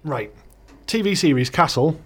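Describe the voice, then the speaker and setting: A man's voice: a little high, animated, normal speed, husky, soft background music. A man from Middlesbrough with a Teesside accent, co-hosting a casual podcast in a blunt, jokey, mildly sweary way. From Middlesbrough, northeast England. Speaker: podcast co-host.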